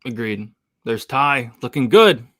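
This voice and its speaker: Bright, hyped man hosting a fight stream. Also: medium pitch, lively intonation, slow, dry recording, clean studio sound. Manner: chatty, hyped, reads chat aloud. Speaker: host of a live fight watch-along. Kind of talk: casual live-stream chat.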